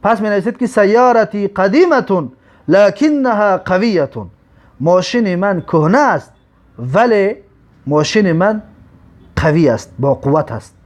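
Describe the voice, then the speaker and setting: A man teaching an Arabic grammar lesson, drawing out example words slowly between quick explanations. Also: high voice, expressive. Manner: slow drawn-out example words, quick asides.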